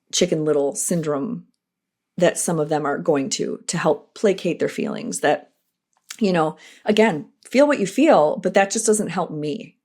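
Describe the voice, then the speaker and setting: A middle-aged woman speaks on her own podcast, her voice sitting on the lower side. She talks in an earnest, reflective monologue, breaking off into animated asides and restarting her thoughts as she goes. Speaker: podcast host.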